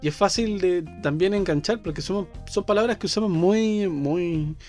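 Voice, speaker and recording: A co-host with a Chilean Spanish accent chats on a casual radio show, full of fillers and restarts. His high voice is slightly mellow and moves at a normal speed, with soft music playing in the background.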